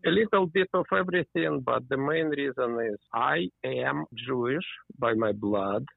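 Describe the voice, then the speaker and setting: Gravelly Russian-born man on a phone line. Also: medium pitch, normal speed, no room sound. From Soviet Union. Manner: reflective, with slightly non-native grammar and chuckles. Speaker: guest. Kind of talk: interview conversation.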